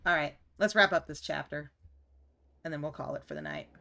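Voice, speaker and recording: Lady streaming a game, slightly low but really bright voice, dry sarcastic quips as she plays. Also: a little fast, vocal fry. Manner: wry, sarcastic banter. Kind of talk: casual gameplay commentary.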